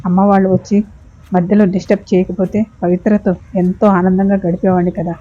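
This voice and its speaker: A woman's voice: medium pitch, little pitch movement, brisk, dark tone, lo-fi sound, natural voice. A woman voicing an irritable young husband, curt and brooding.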